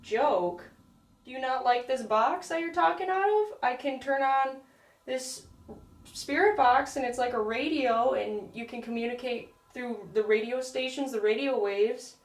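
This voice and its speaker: A young American woman on a ghost hunt, nervous and slangy, talking softly to spirits in a dark old prison. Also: high voice, measured pace, echoey room, distant mic. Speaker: paranormal investigator. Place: dark echoing old prison cell block.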